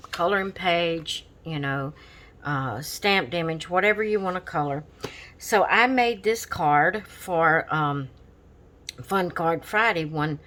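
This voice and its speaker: Slow, drowsy woman vlogging at home. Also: fairly low pitch, fairly bright tone, low-quality recording. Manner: chatty, apologetic, trailing off mid-sentence. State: drowsy, yawning often. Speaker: vlogger showing coloring pages. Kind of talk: casual chat to camera.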